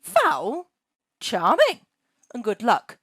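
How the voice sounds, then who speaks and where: A prickly, ancient she-dragon, voiced by a woman reading a storybook, snapping and scolding in a high, lively voice. She swings up and down in pitch as she huffs at intruders. The sound is close and dry. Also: normal speed, no room sound. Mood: indignant. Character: grumpy centuries-old female dragon, bookish hoarder.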